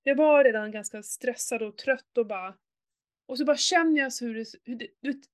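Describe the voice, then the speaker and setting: Animated woman telling a story, swearing freely. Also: on the high side. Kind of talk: candid casual chat.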